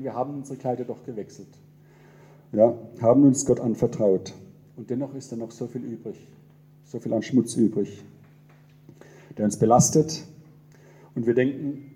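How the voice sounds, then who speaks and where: A man preaching a sermon in a church, earnest and gentle, repeating key phrases. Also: mid-range voice. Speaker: pastor.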